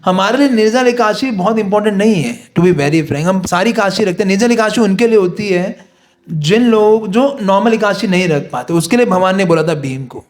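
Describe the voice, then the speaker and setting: A man's voice: sits high, animated, a little fast. A man teaching a devotional course, explaining in Hindi with English phrases and chanting prayers. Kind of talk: devotional class lecture.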